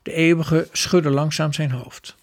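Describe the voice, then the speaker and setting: Man, religious story reading, measured, gravelly, slightly high voice. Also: steady tone.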